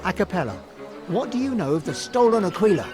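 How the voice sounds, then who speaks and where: With loud music behind him, a man voices a shrewd, confident little warrior hero in a cartoon game. His high voice swings widely in pitch at a brisk pace, polite, articulate and resolute.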